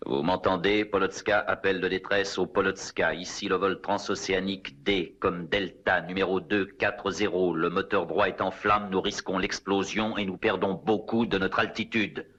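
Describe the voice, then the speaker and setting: An actor playing a resolute conspirator in a dubbed 1960s TV drama, speaking in a terse, deliberate way. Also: male voice, sits low, flat delivery, fairly bright tone, breathy edge. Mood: urgent. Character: resolute male conspirator sending an urgent fake distress call. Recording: dull, hissy old TV soundtrack.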